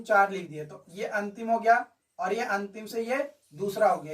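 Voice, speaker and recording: A man's voice: high-pitched, recorded from a distance. A male coaching teacher going through exam answers in a chatty video lesson, repeating his key points.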